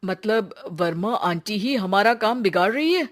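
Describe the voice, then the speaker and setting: A woman voices a young cartoon husband with a short temper. He snaps back quickly and irritably. The voice stays at a middle pitch. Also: expressive, natural voice. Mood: irritable.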